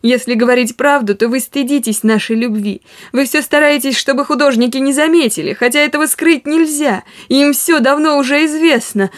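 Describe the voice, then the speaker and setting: A restless young woman, hurt and tearful, whose reproaches climb in pitch, as a woman reads her in a storybook. The voice sounds dry and close, with no room sound around it. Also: normal speed, a little mellow, no echo, natural voice. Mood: anguished.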